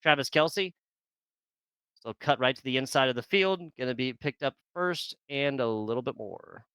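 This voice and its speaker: A man calling a video game football match as play-by-play commentator, chatty and quick to laugh. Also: mid-range voice, sharp tone, clear, resonant tone, dry recording. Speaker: esports commentator.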